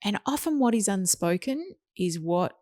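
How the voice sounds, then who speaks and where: A woman explaining parenting in a gentle, earnest conversational way as an interview guest, sometimes voicing short quotes of parents and children. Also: mid-range voice, sing-song, moderate pace, no echo, clean studio sound. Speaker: podcast guest, parenting educator.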